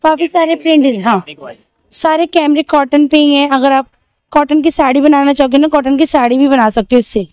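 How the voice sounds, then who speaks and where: Holding her phone as she tours an outdoor street market, a woman vlogs about shopping and chats through each price twice for viewers. She speaks at a moderate pace in a high-pitched, darkish voice, and the recording is dry.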